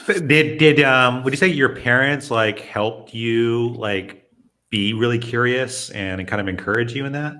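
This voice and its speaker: A man's voice: medium pitch, a little slow, pushed and bright. A man hosting a casual interview, asking curious, friendly questions with lots of fillers. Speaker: host.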